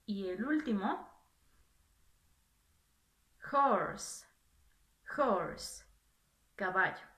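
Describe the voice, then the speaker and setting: A woman with a bright, clear voice leads a children's lesson at an unhurried pace. She repeats each word patiently and asks encouraging questions. The room is echoey, with faint music underneath. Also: medium pitch, animated. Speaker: English teacher.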